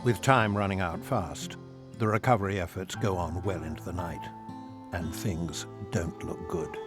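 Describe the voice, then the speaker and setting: A man's voice: low-pitched, fairly even intonation, normal speed, music in the background. A man reading dramatic scripted documentary narration.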